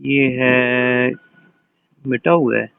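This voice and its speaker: A man, heard over a tinny, dry phone line. He speaks slowly and hesitantly, often stopping to ask what is meant. His voice sits in the middle range. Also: medium pitch, flat delivery, creaky, clean tone, no echo. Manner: slow, hesitant, keeps asking questions. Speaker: bank customer receiving a call.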